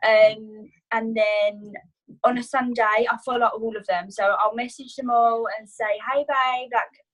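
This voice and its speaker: A woman guest trainer talks through her daily routine on a video call, in a casual, chatty way full of fillers and false starts. Her voice sits a little high. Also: little pitch movement, moderate pace, poor audio. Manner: chatty, many fillers and restarts. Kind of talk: casual online training talk.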